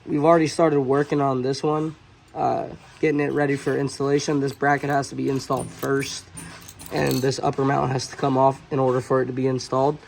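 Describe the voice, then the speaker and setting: In an auto shop garage, a car channel host walks through a suspension install as casual how-to narration, relaxed and chatty with filler pauses. He's going hoarse, losing his voice, at a medium pitch with a bit of background noise.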